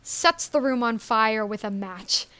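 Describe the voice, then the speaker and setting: Co-hosting a casual stream, a story creator rambles chattily, punctuated by ums and small laughs. She speaks a little slowly in a fairly high, sharp-toned, smooth voice, with no echo.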